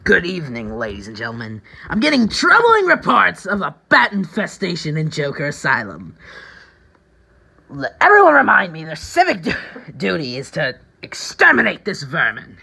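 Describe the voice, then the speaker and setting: A woman plays a taunting male villain clown in video game style. The voice is raspy and creaky with a hard, bright edge. The delivery is theatrical and drawn out, relishing every threat. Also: fairly low pitch, huge pitch swings, normal speed, exaggerated voice. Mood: gleeful taunting. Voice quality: raspy, strained. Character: manic, taunting male comic-book villain clown, the Joker. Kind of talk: amateur audition reading of video game villain lines.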